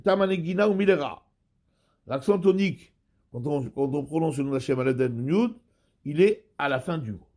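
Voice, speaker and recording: A man, a rabbi giving a Torah study lesson, explaining slowly and repeating and rephrasing terms. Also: fairly high pitch, animated, darkish tone.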